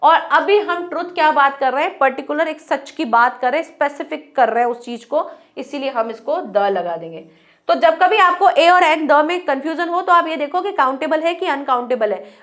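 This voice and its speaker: High-voiced woman teaching grammar. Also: fairly bright tone. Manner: explains step by step, asks and answers her own questions; reads English sentences slowly and deliberately. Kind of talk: online grammar lesson.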